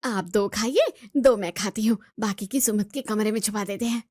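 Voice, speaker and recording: A woman's voice: high voice, normal speed, gravelly, no room sound. A woman voicing a sneaky, fussy mother-in-law in her sixties. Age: 60s.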